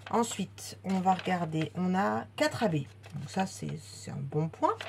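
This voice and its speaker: A woman's voice: lowish voice, animated, a little slow, vocal fry, noisy background. A woman chatting casually while unboxing a craft kit, with many fillers and restarts. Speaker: craft vlogger.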